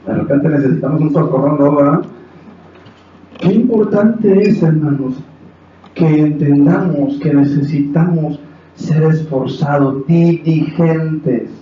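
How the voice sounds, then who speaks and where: A Mexican pastor preaches with passion, his voice sitting fairly high for a man. He acts out quotes and climbs to shouts. The church hall rings with heavy echo, caught from far off on a dull recording. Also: slow pace. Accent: Mexican Spanish. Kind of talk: sermon. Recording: echoey hall from far off, dull, faint hiss.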